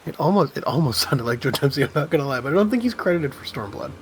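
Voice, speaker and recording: A man's voice: fairly high pitch, animated, quick pace, background noise. A man in casual, joking gaming chat, swearing freely as he comments on play. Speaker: gamer playing and commenting.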